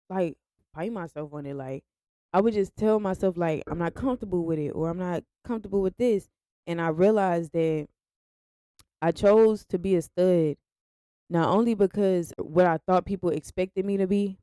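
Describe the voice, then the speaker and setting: A woman's voice: on the low side, warm tone, dry recording, studio quality. A young woman speaking candidly to her viewers in a confessional vlog, frank and direct. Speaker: vlogger. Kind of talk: candid personal vlog monologue.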